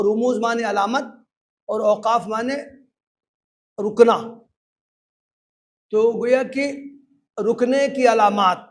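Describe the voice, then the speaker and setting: An older man with an Indian Urdu accent giving a measured, explanatory lecture and reading example sentences aloud. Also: extremely high pitch. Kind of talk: formal lecture.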